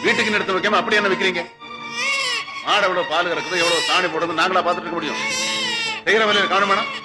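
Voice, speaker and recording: An actor playing a short-tempered man of the house who shouts and berates everyone. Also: high voice, quick pace, loud music behind the voice, natural voice. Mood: angry.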